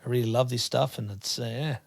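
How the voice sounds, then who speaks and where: A man's voice: medium pitch, fast, creaky, no room sound. A man speaking as a podcast guest in earnest, casual chat, often adding "you know". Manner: earnest, repeats "you know", animated when quoting dialogue.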